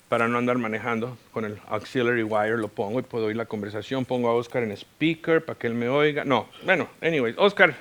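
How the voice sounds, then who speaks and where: Bright-voiced male pastor telling a story. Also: medium pitch. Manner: mixes English words into Spanish; lively storyteller, swinging between loud and hushed. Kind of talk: sermon with personal storytelling. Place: church.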